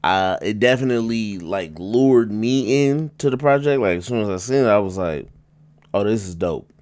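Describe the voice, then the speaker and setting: A low-voiced man talks through an album review in a loose, rambling way, full of fillers and restarts. He leaps sharply up in pitch when he stresses a point. The recording is dry and close. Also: expressive, moderate pace, darkish tone, no room sound. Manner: rambling, many fillers and restarts, sudden high-pitched emphasis. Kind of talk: casual spoken review.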